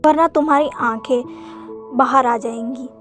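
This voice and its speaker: A woman's voice: sits high, steady tone, moderate pace, fairly bright tone, faint music behind. A woman voicing a loyal, prickly young male servant in a fanfic story retelling, in a scolding tone.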